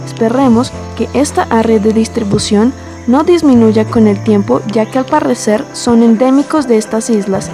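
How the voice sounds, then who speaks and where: A woman playing an earnest, excitable male scientist on an old-time expedition, in a scripted, declaiming manner. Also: a little high, moderate pace, faint music behind, close to an everyday voice. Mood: formal.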